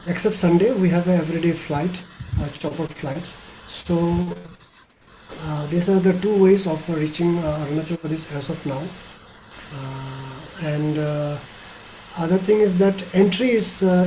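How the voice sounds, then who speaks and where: Middle-aged male presenter, Indian accent, hesitant delivery, dark soft tone, faint call noise. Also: fairly high pitch. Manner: halting, hesitant. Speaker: tour operator presenting. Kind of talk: informal webinar presentation. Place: small bedroom indoors, video call. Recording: slightly noisy video call.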